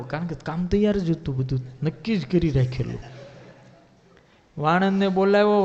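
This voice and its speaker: Animated man telling a sermon story. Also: a little high. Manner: animated, acts out characters' lines in shifting voices. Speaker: religious storyteller. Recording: dull lo-fi sound with long hall reverb.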